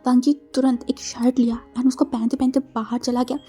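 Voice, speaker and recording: A woman narrates a fan fiction story in a loose, chatty style, slipping English connecting words into her sentences. Her voice is somewhat high yet warm and dark in tone. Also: little pitch movement, fairly quick, breathy edge.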